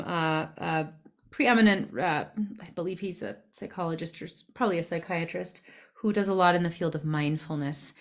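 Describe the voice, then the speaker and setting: A woman coach giving a thoughtful, explanatory presentation with frequent fillers. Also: lowish voice. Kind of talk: presentation talk.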